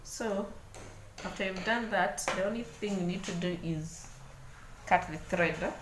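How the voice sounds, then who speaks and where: A woman's voice: mid-range voice, measured pace. Kenyan-accented woman in an echoey room. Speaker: craft tutorial host. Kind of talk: hands-on demonstration, unscripted talk. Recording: echoey room, clear background noise.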